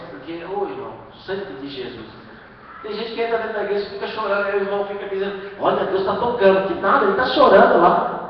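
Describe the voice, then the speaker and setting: A man preaching a sermon as pastor, with a Brazilian Portuguese accent, emphatic, full of rhetorical questions and sudden loud bursts. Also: high-pitched, highs cut off, a little hiss or hum. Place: church hall. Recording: echoey live-stream from far off in a hall.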